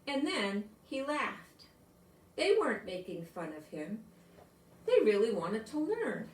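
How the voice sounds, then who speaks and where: An older American woman reads a children's story aloud in a fairly high, sing-song voice at a slow pace, adding simple explanatory asides for young listeners. The distant microphone picks up a roomy echo.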